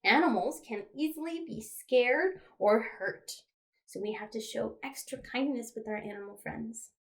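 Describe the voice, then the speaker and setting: Reading to toddlers at storytime, a woman librarian speaks a little slowly with a fairly high pitch. Her simple, child-directed delivery mixes in questions and playful touches like animal sounds.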